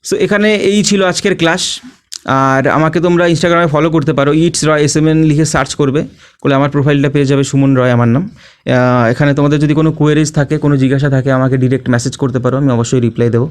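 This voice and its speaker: A young man with a Bengali accent, teaching an exam-prep English lesson, reading the English slowly and explaining it in Bengali. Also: on the high side, fairly even intonation, clear, resonant tone.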